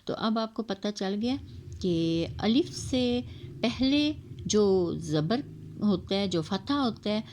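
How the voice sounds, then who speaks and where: A woman teaching Quran reading in a patient, explanatory voice. She stretches out example syllables slowly, and English words slip into her talk as she explains. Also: medium pitch, expressive, darkish tone, slight background noise. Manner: mixes English words into Urdu. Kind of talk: explaining lesson.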